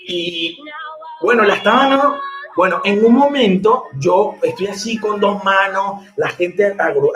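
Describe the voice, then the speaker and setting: A man who works as a bartender, telling a story to his viewers in an animated, chatty way and laughing along. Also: sits high. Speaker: bartender and online mixology teacher. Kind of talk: casual storytelling to camera.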